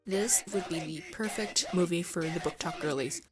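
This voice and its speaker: A woman's voice: low-pitched, moderate pace, over loud music. A young woman giving a casual, comedic movie recap, chatty and sarcastic with playful asides. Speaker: film reviewer.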